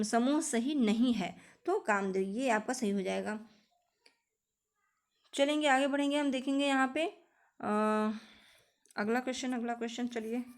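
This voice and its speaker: A woman teaching an exam-prep lesson, patiently repeating each answer and often calling her viewers friends. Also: sits high. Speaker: teacher preparing students for teaching exams.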